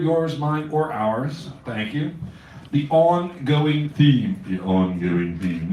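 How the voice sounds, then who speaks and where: A man's voice: mid-range voice, a little mellow, distant mic. A man hosting a poetry open mic in a cafe, rambling through announcements with wry asides. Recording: echoey cafe room recorded from afar.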